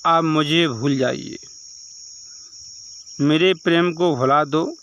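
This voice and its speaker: A man's voice: on the high side, takes it slowly, fairly bright tone, a little hiss or hum. A man voicing a stern, aloof celestial nymph woman in a retold legend, lecturing and repeatedly addressing the king.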